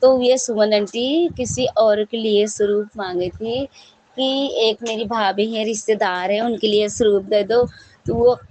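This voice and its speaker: A woman tells a congregation about a devotional experience, her voice sitting a little high. She talks in a chatty, fervent way, circling back and repeating herself as she goes. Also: steady tone, unhurried, darkish tone, poor audio. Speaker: devotee sharing a satsang experience.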